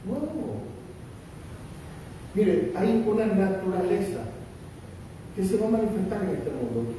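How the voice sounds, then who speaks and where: A man's voice: lively intonation, slow pace, mellow. A male pastor preaching a sermon with impassioned, rising and falling emphasis in a church hall. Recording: roomy echo, distant mic, faint rumble.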